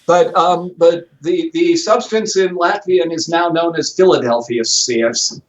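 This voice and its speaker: A man's voice: fairly high pitch, unhurried, lo-fi sound. An American man from Chicago, a journalist being interviewed, telling anecdotes and often repeating words as he searches for them. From United States (Chicago). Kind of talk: casual interview talk.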